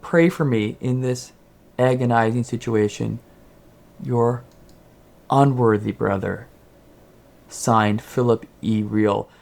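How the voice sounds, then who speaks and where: A man voicing a contrite, formal middle-aged businessman who reads out a solemn apology letter, slowly and gravely. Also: medium pitch, steady tone, a little mellow, voice pushed down. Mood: solemn, remorseful.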